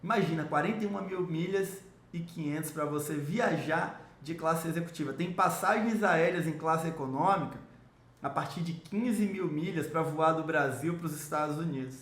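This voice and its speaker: Addressing the viewer directly, a travel rewards and miles coach from Salvador, Brazil, delivers an eager, salesy promotional explainer. He talks at normal speed in a slightly bright voice, and the room gives an echoey sound.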